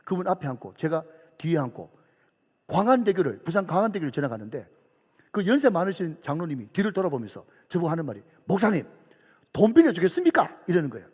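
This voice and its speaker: A man's voice: on the high side, big pitch swings, fast talker, a little mellow, slightly rough. A middle-aged man, a pastor telling a story in a sermon and acting out the voices of the people in it. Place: church sanctuary. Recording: church hall reverb.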